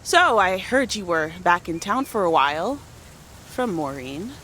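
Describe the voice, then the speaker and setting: A woman's voice: lowish voice, very animated, a little slow, bright, forceful tone, a little hiss or hum, full character voice. An actress playing a wry, busy small-town mother in her forties in a video game, with a curt, sarcastic way of talking.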